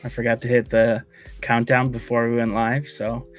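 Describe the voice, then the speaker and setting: A man's voice: mid-range voice, moderate pace, soft background music. A man hosting a live online show, talking casually with fillers and jokes. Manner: relaxed, joking, many fillers. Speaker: host. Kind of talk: casual live-stream chat.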